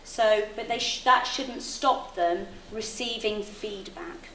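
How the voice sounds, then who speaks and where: On a panel at a public meeting hall, a woman health service official answers a complaint in a measured, conciliatory, hesitant way, with frequent ums. Her mid-range voice is slow and fairly bright. The recording is echoey, with a distant mic and faint noise.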